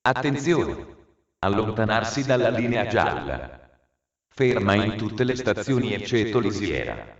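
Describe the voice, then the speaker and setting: Man, flat formal station announcement, segmented phrasing, distant, muffled public address sound. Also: on the low side. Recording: echoey dull station loudspeaker from afar.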